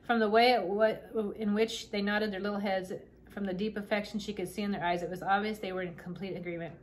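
A woman reads a children's novel aloud at an unhurried pace. Her voice sits in a middle pitch and stays gently expressive. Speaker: storybook reader.

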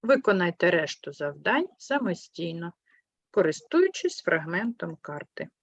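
A patient woman teaching young pupils, her voice sitting a little low and her questions clear and unhurried. The sound is close and dry, with a muffled, lo-fi edge. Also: sing-song, dry recording. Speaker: primary school teacher. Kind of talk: online class lesson.

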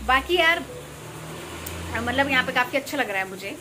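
A young woman from Uttarakhand, India, vlogs while cooking, talking to a camera fixed in her home kitchen beside a window onto a busy highway. Her voice is fairly high and expressive, at a normal speed, as she rambles chattily with many fillers. Faint noise sits in the background.

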